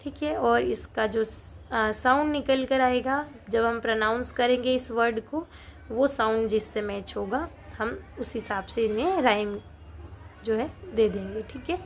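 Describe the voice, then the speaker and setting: Slow-paced woman teacher explaining a poem. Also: fairly high pitch, slight background noise. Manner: reads English lines slowly, then explains them in simple conversational Hindi.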